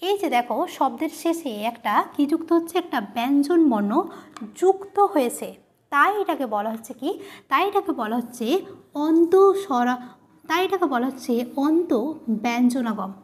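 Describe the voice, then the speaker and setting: A woman's voice: high voice, expressive, moderate pace. A woman teacher giving a grammar lesson, who asks questions and answers them herself, repeating each key term.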